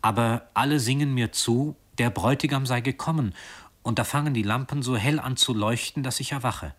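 A man's voice: mid-range voice, fairly quick, fairly bright tone, voice pushed up, natural voice. A man reading a story aloud, voicing a dreamy, sickly young noblewoman with a raised, girlish voice.

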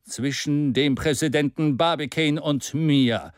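A grave, curt captain read by a man speaks with stiff pride in a storybook voice, pitched a touch high for a man. The recording is dry and close. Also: lively intonation, takes it slowly, no echo. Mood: stern.

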